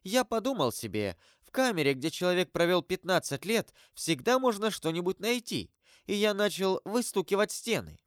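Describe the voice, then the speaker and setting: Man doing a deferential jailer type, chatty, pitched up, dry close sound. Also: big pitch swings, moderate pace, no echo. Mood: eager. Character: humble middle-aged male prison guide, eager. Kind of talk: audiobook character voice.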